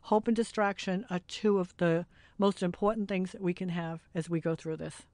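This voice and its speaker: A woman's voice: on the low side, fairly even intonation, normal speed, a little mellow, no room sound. A middle-aged woman hosting a podcast, chatting candidly and emotionally as she wraps up an episode. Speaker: podcast host. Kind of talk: casual podcast wrap-up chat.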